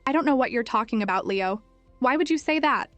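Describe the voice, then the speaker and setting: A woman's voice: a little high, expressive, fairly quick, no room sound, faint music behind, lightly acted. A woman voicing a two-faced scheming young woman who sounds sugary but turns defensive. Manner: sugary on top, defensive and stammering.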